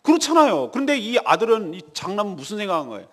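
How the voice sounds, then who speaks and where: A male pastor preaches a morning devotional sermon in a fairly high, animated voice. He presses his points with rhetorical questions to the congregation. His voice carries a long reverb from the church hall. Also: fast. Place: church sanctuary.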